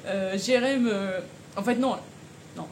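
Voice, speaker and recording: A young woman telling a personal story in a casual, animated way, with slang and frequent laughter. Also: medium pitch, slow pace, a little hiss or hum. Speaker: vlogger.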